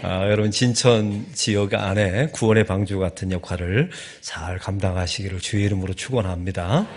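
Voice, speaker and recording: A guest pastor in a church sanctuary, this middle-aged man from Chungcheong preaches a lively, joking sermon with a Chungcheong Korean accent. His voice is low-pitched and his pace moderate.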